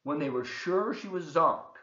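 A little slow and highly animated in pitch, a volunteer reader in his seventies tells a children's story aloud, expressively explaining the illustrations in asides. The recording comes from a webcam in a large, echoey indoor kitchen-living space, with a slightly dull sound.

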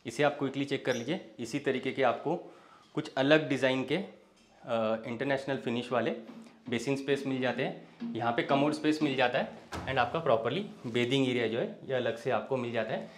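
A man's voice: mid-range voice, moderate pace. Man, young adult, real estate walkthrough, inviting sales tone, indoors, phone camera. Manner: friendly sales patter, inviting viewer along. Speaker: real estate tour host. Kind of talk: property walkthrough. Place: indoors, large villa interior, walking room to room.

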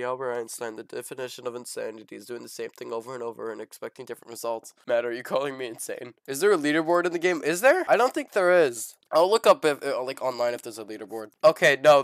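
A young man who is sick, streaming a game, swearing a lot and breaking into excited shouts. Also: mid-range voice, dry recording. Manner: profane, swings into excited shouting. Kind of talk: gaming livestream commentary. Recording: game music playing loudly behind. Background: game music.

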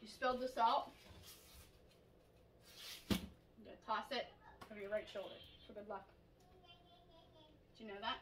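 A woman's voice: mid-range voice, steady tone, moderate pace, pauses often, noisy background. A woman in her thirties hosting a casual home cooking show, chatty and upbeat as she walks through each step in her kitchen. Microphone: camera across the kitchen counter. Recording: echoey kitchen from a distance.

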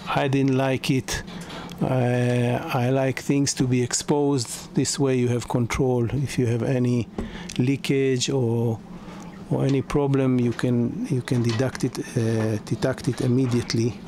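Slow-talking man touring a sailboat. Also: mid-range voice, level tone, warm tone. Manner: halting, many fillers and restarts. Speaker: yacht broker. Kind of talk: walkthrough tour. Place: inside a sailboat cabin. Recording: noisy ambience.

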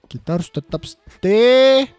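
A man's voice: very high voice, animated, slow pace, darkish tone, clear, resonant tone, no room sound. Playful, teasing young man. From Indonesia. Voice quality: playful, teasing, laughs often. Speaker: gaming YouTuber. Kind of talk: joking game commentary.

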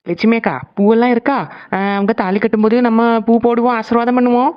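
A woman's voice: a little high, fast, natural voice. A woman voicing a cheerful, teasing young female relative in a cartoon. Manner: teasing, lively. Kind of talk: cartoon voice acting. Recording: slightly dull sound.

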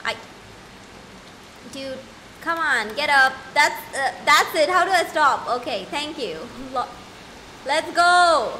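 Woman streamer, bright tense voice, unhurried, giggly and chatty with viewers. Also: high-pitched, lively intonation, slight background noise. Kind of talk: casual live-stream gaming chat.

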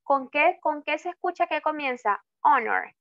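A high, animated, creaky voice with a slightly bright edge belongs to a woman tutoring English grammar in an online class. Heard over a video call with no room sound and the highs cut off, she moves slowly, draws out example words, and frequently asks "¿ok?".

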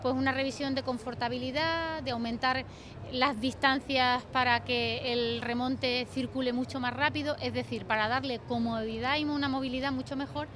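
High-voiced businesswoman at a fair. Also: steady tone, normal speed, crowd noise. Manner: explanatory, restarts with "pues". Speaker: ski resort executive. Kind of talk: press interview. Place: busy indoor trade fair stand. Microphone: handheld press mics held close.

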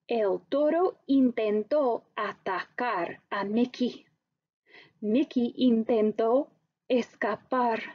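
A woman teacher narrating a story slowly and expressively for language learners. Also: fairly high pitch, highs cut off. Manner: very slow, deliberate, expressive storytelling.

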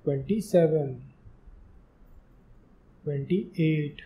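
A man's voice: a little high, slow, warm tone. A man teaching a spoken English lesson, spelling words out letter by letter in a careful, explaining manner.

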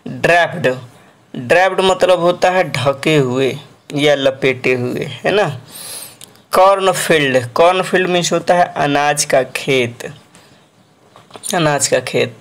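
A man's voice: a little high, a bit bright. A man teaching English vocabulary in Hindi, repeating each word and its meaning and often adding a checking "right?". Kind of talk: Hindi-language lesson explaining English vocabulary.

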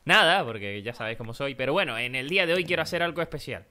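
A man hosting a gaming channel, giving casual, excitable commentary while he plays. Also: medium pitch, quick pace. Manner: excitable, shouts during fights.

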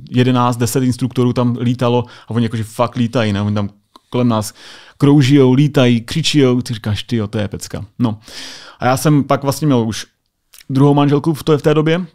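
A man's voice: mid-range voice, darkish tone. A Czech man, a US Air Force sergeant, telling anecdotes in a casual interview, full of filler tags. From Czech Republic.

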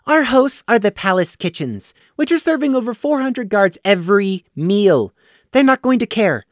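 A man's voice: high-pitched, moderate pace, dry recording, clean studio sound, voice pushed up. A man voicing a young male pony colt who talks in a blunt, matter-of-fact way. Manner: matter-of-fact, flat insistence.

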